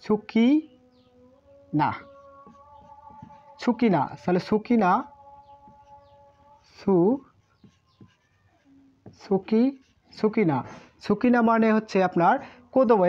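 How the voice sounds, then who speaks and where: In a muffled lo-fi recording, a patient woman with a mid-range voice teaches kanji, explaining it in Bengali. She works as a Japanese language teacher and drills each word repeatedly.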